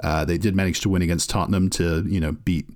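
A man's voice: low voice, steady tone, quick pace, darkish tone. A man co-hosting a casual sports podcast, opinionated and teasing, with many filler sounds. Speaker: podcast co-host.

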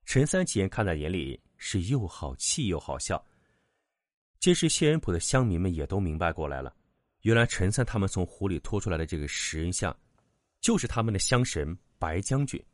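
A man narrating a serialized folk tale in a lively, expressive storytelling manner. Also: low voice, fairly quick, no echo, clean studio sound.

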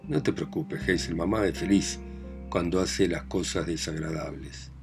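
A man with a Rioplatense accent voicing a rebellious, sharp-tongued adult daughter in a read-aloud play. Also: low voice, a little slow, over music. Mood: sarcastic. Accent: Rioplatense Spanish. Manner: sarcastic.

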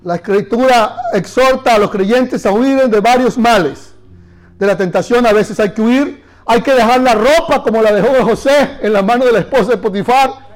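A man preaching with a very high voice, pressing his listeners over and over. He calls out lines for the congregation to repeat and drives each point home with fervent repetition. His tone is urgent and exhorting throughout. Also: moderate pace. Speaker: pastor. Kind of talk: sermon.

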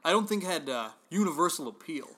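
A man's voice: fairly high pitch, animated, a little fast, sharp tone, husky, heavily acted. A man playing a dad who can't stop telling corny jokes, rambling with fillers. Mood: playful. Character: corny joke-telling dad, self-styled family clown.

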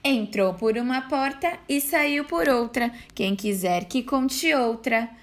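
Slow, expressive woman reading. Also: a little high. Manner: unhurried, expressive storytelling. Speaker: teacher hosting a story podcast. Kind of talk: storybook reading aloud.

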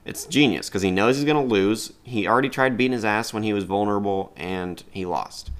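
Low smooth voice guy ranking movies, rambly and excited, swears a lot. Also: brisk. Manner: rambling, enthusiastic, swears freely. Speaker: movie reviewer. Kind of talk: casual ranking vlog.

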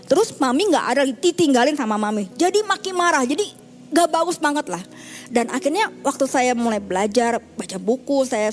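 A middle-aged woman pastor giving a sermon in a candid, conversational way, mixing in English phrases. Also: high voice.

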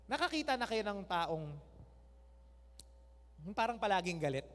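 A Filipino man in his thirties delivers a sermon in a big church hall, and his voice sits very high for a man. He preaches in a playful, animated way, acting out little scenes with voices for his wife, his child and a scolding mother. A long reverb trails his words through the room. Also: normal speed. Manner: animated, joking, acts out voices of family members. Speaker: pastor.

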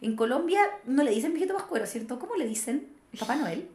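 A young adult woman with a Chilean accent, a podcast guest chatting casually and joking with quick laughs. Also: high-pitched, animated, dark tone, roomy sound. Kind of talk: casual chat.

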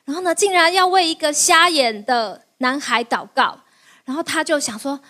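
Woman pastor, high voice, lively sermon delivery with quick questions to the congregation. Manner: lively, asks the audience quick questions and answers them; laughs often while teaching.

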